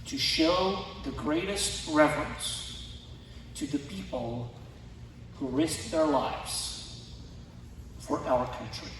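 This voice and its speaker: A man from Romania gives a formal address in a deliberate, earnest way, his pace slow and weighty. His voice sits a little high for a man. It is picked up from a distance in a big, echoing auditorium with a long reverb tail and clear room noise behind it. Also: a bit bright. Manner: measured, earnest, deliberate phrasing. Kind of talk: formal speech at a concert. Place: school auditorium.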